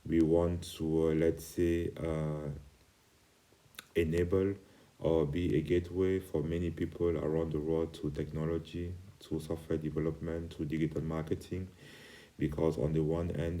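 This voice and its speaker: A company CEO from Cameroon, who is not a native English speaker, teaches an informal online course in halting, hesitant phrases. His voice is extremely deep, very dark and mellow in tone, with fairly flat intonation.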